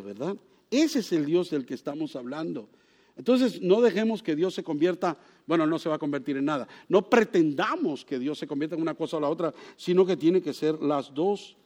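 Male preacher, high register, dramatic storyteller who bursts into exclamations. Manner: animated storytelling with sudden exclamations; asks the congregation questions. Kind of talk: sermon.

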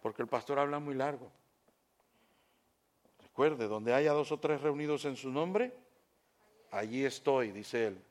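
A male pastor preaching a sermon in church, swinging from shouted lines down to quiet, hushed stretches and asking the congregation questions. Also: mid-range voice, unhurried, pauses often.

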